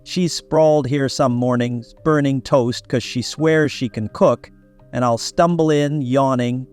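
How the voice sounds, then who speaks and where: A man tells a first-person story in a blunt, wry way. His voice sits at a middle pitch, with faint music underneath. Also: unhurried, darkish tone.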